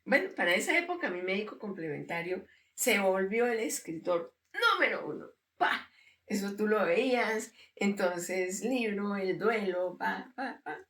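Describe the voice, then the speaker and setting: Older woman, animated storyteller, roomy echo, distant mic. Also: mid-range voice, unhurried. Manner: lively storyteller who acts out quoted dialogue and laughs often. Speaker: interviewee sharing a personal testimony. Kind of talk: conversational storytelling.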